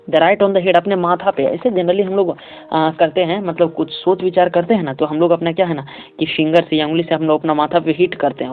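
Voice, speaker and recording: A male English teacher walking students through an exam paper step by step, reading English sentences slowly and often checking in with his class. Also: a little high. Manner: reads English sentences slowly, then explains them. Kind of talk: exam paper walkthrough lesson. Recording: tinny phone-like audio.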